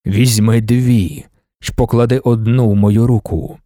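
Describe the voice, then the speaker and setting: A man voicing an ancient, commanding male god-emperor for an audiobook, speaking slowly and ceremonially. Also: steady tone, dark tone, no room sound, clean studio sound, natural voice. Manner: slow, booming, ceremonial pronouncements. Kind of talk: audiobook narration.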